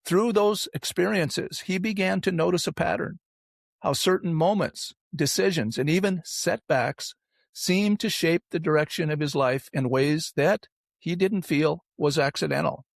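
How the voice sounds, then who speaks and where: A man hosting an interview podcast, presenting and asking questions in a measured, prepared style. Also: on the high side, vocal fry, no room sound, clean studio sound. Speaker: podcast host. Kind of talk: scripted introduction and interview hosting.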